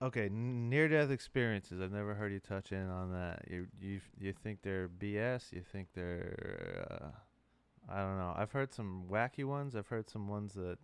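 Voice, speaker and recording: A man's voice: fairly low pitch, lively intonation, a little slow, gravelly, smooth. A man hosting an interview as a casual, slangy chat. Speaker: interview host.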